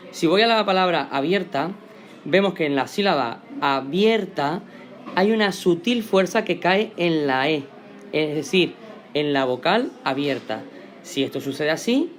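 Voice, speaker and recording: A male teacher with a Spain Spanish accent, patiently explaining a grammar lesson and slowly stressing example words. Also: fairly high pitch.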